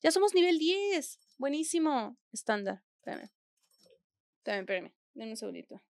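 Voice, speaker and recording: A young adult woman with a Mexican Spanish accent chats casually and thinks out loud while streaming a game from a small room at home. Her voice sits high and is creaky and very animated, at a moderate pace, with no echo.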